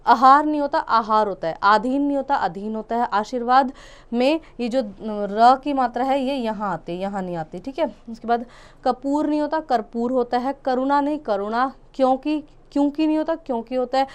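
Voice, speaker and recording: A woman teacher talks children through a grammar lesson in a patient classroom manner. She says each word twice and often stops to check that they follow. Her voice sits a little high and sounds smooth and clear. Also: normal speed, darkish tone.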